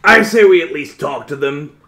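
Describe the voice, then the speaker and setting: Dry-spoken player with a bright voice. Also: male voice, fairly high pitch, expressive, normal speed, vocal fry.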